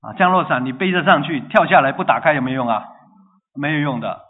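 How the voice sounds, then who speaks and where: A man preaching a sermon in a lively way, asking the congregation questions and repeating phrases in rhythm. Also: a little high, quick pace. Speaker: pastor. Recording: tinny phone-like line.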